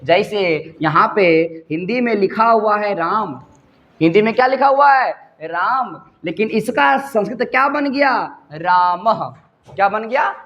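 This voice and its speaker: A man teaches a Sanskrit lesson at an unhurried pace. His voice sits fairly high, and he keeps quizzing the class and answering for them. The recording sounds dull and lo-fi. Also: a bit bright. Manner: repeats each point as a question and answers it.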